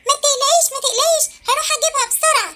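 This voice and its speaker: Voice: extremely high pitch, rapid-fire, pushed and bright. A voice actor doing cocky young cartoon footballer. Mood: cheerful. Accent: Egyptian Arabic.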